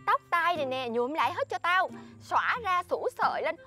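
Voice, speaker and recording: A woman's voice: extremely high pitch, animated, moderate pace, bright, forceful tone, faint music behind, full character voice. An actress with a Southern Vietnamese accent playing a boastful, scheming friend who bossily lectures another woman. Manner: bossy, showy, lectures her friend. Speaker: actress in a comedy sketch.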